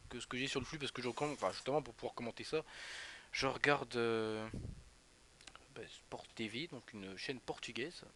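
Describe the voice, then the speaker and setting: There's slight background noise as a young streamer from northeastern France talks at normal speed in a bright, forceful, medium-pitched voice. Chatty and rambling, he calls out viewers by name while casually covering a football match on his Twitch stream.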